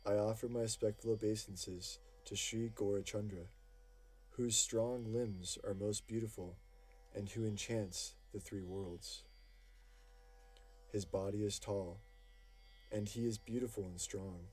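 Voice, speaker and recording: A man reading devotional verses for an audiobook in a slow, measured, reverent delivery. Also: fairly low pitch, steady tone, darkish tone, slightly rough. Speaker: audiobook reader. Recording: music playing faintly behind.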